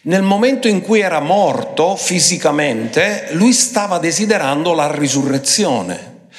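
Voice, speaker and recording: A man preaching a sermon emphatically, switching between quick phrases and slow, drawn-out ones. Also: fairly high pitch, animated. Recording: long hall reverb.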